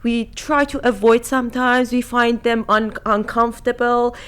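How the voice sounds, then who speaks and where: A woman's voice: a little high, level tone, normal speed, a bit bright, clear, resonant tone. Playful self-assured Iranian-born woman. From Iran. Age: 30s. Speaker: podcast co-host. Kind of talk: casual chat.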